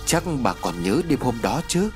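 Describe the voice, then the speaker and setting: A man's voice: medium pitch, big pitch swings, moderate pace, soft background music, lightly acted. A man voicing a grim, mocking young man returned from death for revenge, in a spoken horror story. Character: vengeful young man back from the dead.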